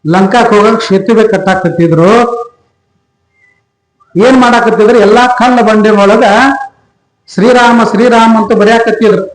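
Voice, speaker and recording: A man tells a devotional story with lively rhetorical questions. His voice sits high. The room adds noticeable echo. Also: moderate pace, pauses often. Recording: echoey room.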